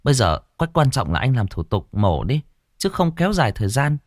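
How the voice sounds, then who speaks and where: A man voicing a calm female doctor who speaks gently and gravely. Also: mid-range voice, no echo, studio quality. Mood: solemn. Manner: gentle, measured.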